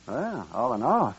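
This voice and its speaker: A man playing a crusty, wry old American town doctor in a radio western, with a husky voice and a grumbling manner. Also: mid-range voice, exaggerated voice. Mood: amused. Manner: animated grumbling, chuckling drawl. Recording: muffled vintage radio recording.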